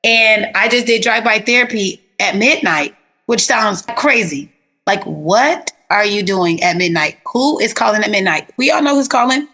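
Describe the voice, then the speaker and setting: A woman therapist telling stories in a casual interview, animated and plain-spoken with easy slang. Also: medium pitch, moderate pace. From South Florida.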